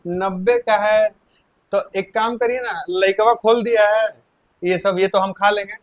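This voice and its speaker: Pleading family man on a train, put on by a male storyteller, raised pitch. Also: fairly even intonation, measured pace. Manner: pleading, mocking. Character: hungry male family passenger, complaining.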